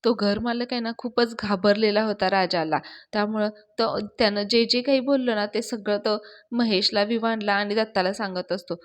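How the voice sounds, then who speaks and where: A woman's voice: mid-range voice, moderate pace. A woman reviewing a TV serial episode, retelling the scenes in a casual storytelling way and addressing her listeners directly.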